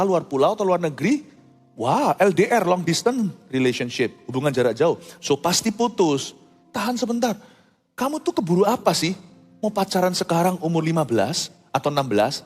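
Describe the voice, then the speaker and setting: Middle-aged man, lively joking pastor voice, faint music under a reverberant church hall. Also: fairly high pitch, breathy edge. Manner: animated, joking and folksy. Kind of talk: sermon.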